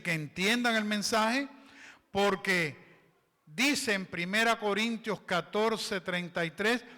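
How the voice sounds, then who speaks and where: This sermon comes from a pastor whose voice sits high with a sharp tone. He reads scripture aloud, explains it, and invites the congregation to fill in words, all within a church hall's lingering reverb.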